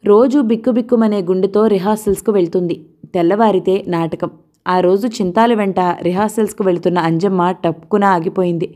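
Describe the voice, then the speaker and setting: A woman's voice: mid-range voice, steady tone, a little fast, warm tone. A woman narrating a scripted story and voicing all its characters.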